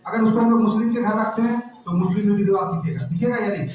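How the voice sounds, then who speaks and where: An activist from Jharkhand, India, a man with a high voice, addresses a gathering and keeps hurling rhetorical questions at the crowd. He talks fast with a slightly mellow quality. The muffled recording comes from a very echoey room with the mic far away and faint background noise.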